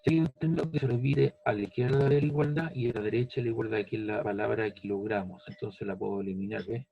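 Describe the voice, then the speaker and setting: A man's voice: on the low side, steady tone, fast, gravelly, highs cut off. A man teaching a physics lesson step by step, patient, repeating each step and checking that the student follows. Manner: patient, repeats steps, asks "¿ves?" and "¿cierto?".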